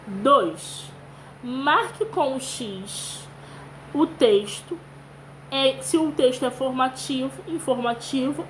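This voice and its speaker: A woman's voice: high voice, a bit bright, slight background noise, low-quality recording. A woman with a Brazilian Portuguese accent teaching young children, reading aloud and sounding out syllables patiently. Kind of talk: children's lesson with read-aloud.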